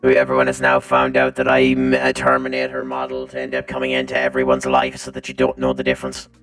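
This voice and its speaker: A man chatting casually on a stream through a robotic voice filter that pitches him down, talking loudly, joking and swearing. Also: completely flat delivery, a little fast, soft background music, low-quality recording. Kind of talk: casual live-stream chat.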